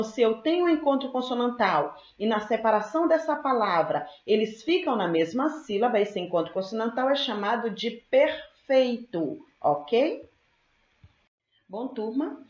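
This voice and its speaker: A fairly high-voiced woman teaches a recorded lesson, patient and methodical. She checks in with her students often and repeats example words slowly to make the sounds plain. The recording is echoey and dull, like a lo-fi room capture. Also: a little mellow.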